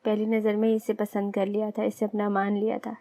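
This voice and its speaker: A probing inner voice of the heart presses its questions in a flat, even tone, as a woman narrator reads it. It sounds gently reproachful without turning theatrical. It belongs to a storybook romance. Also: medium pitch, natural voice.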